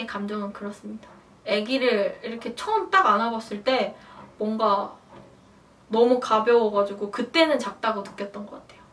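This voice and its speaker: A young woman vlogger casually telling a personal story to camera, animated and acting out quotes. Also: medium pitch, distant mic, slight background noise. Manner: animated, acts out her own past shouts and quotes.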